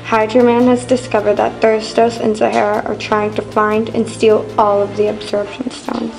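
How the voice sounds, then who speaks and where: A woman's voice: a little high, level tone, moderate pace, vocal fry, darkish tone, low-quality recording. A woman playing a commanding superhero team leader in a cartoon, speaking in an earnest, declarative way. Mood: resolute. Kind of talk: scripted animated superhero acting. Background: faint music.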